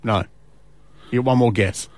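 A man's voice: mid-range voice, steady tone, moderate pace, a little mellow, no room sound. A man with an Australian accent hosting breakfast radio in a studio, playful and teasing, often laughing as he talks. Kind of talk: casual radio banter.

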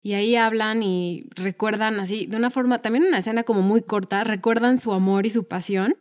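A woman's voice: medium pitch, steady tone, fairly quick. A woman co-hosting a podcast, chatting casually and retelling film scenes with many fillers. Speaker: podcast co-host.

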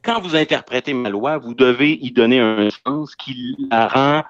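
Male legal columnist, Quebec French accent, mid-range pitch, explanatory and conversational, close dry sound. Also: moderate pace, a bit bright, no room sound, highs cut off. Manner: explanatory, point by point. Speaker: legal commentator, regular columnist.

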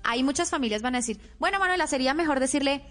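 Over soft background music, a woman parenting expert explains things in a teaching style for a podcast, acting out phrases a parent might say. Her voice sits high and sounds a bit bright, with lively intonation and a racing pace.

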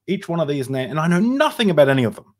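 A man's voice: on the high side, big pitch swings, very fast. Chatty young man hosting a podcast. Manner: chatty, rambling, repeats words. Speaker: podcast host. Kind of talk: casual podcast conversation. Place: Australia.

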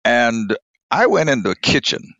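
A middle-aged bishop telling a personal faith story in an intimate, emotional way, sometimes dropping to a whisper. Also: male voice, medium pitch, very animated, moderate pace, gravelly, fairly bright tone, no echo, muffled recording. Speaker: bishop and chairman.

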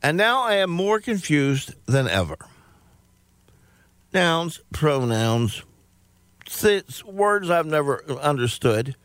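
A man's voice: a little high, sing-song, slow pace, pauses often, a bit bright, clear, resonant tone, no echo. A man telling a rambling comic story, hesitant and full of self-praise.

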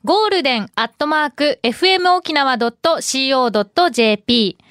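Radio co-host: young woman, bubbly and giggly, high and lively, dry close sound. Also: dry recording. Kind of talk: casual radio chat.

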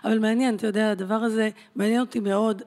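A woman's voice: fairly high pitch, steady tone, a little mellow. A woman hosting an interview, asking curious, probing questions. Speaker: podcast host and interviewer.

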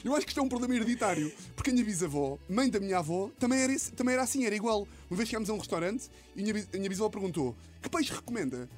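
A young man with a European Portuguese accent, hosting a radio comedy slot and telling an animated comic story. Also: high voice, soft background music. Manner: rapid, animated storytelling with lots of acted quotes. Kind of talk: comic monologue. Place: radio studio.

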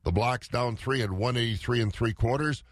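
A man's voice: medium pitch, moderate pace, no room sound, studio quality. A man, a morning radio host reading weather and market prices in conversational, clipped phrases.

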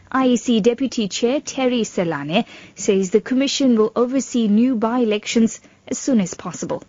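A woman's voice: a little high, a little mellow, dry recording, dull audio. A South African woman presenting a scripted radio news bulletin. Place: radio studio.

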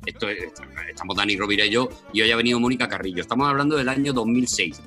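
Quick playful male host, bright tone. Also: fairly low pitch, faint music behind. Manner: quick, playful, stumbles on words. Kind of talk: casual chat.

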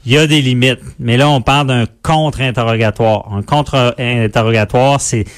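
A man with a Quebec French accent explains legal rules as an interview guest. His delivery is patient but halting, and he often stumbles and repeats words. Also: medium pitch, fairly even intonation. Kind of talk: explaining law on air.

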